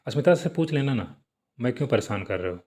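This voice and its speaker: A man's voice: mid-range voice, animated, quick pace, mellow, natural voice. A man voicing a cocky, rude male devil king who mocks and flirts. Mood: taunting.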